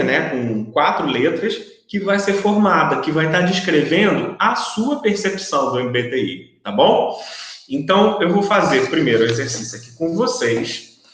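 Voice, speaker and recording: A man with a somewhat high, slightly bright voice delivers a recorded online university lecture. He explains things step by step, often adding tag questions to make sure students are keeping up. The room he's in is very echoey.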